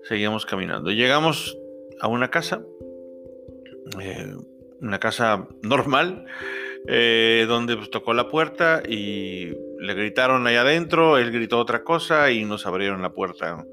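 A young Mexican man with a Mexican accent, telling a personal travel story in a relaxed, chatty way with many fillers. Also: medium pitch, a little slow, soft background music. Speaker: podcast storyteller. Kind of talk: first-person travel anecdote.

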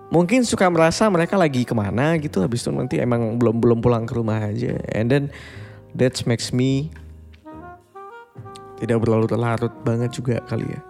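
A man's voice: mid-range voice, darkish tone. A man in his twenties hosting a casual bedtime podcast, talking in a reflective, confiding way and slipping in English phrases. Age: 20s. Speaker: podcast host. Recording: long reverb with faint background music.

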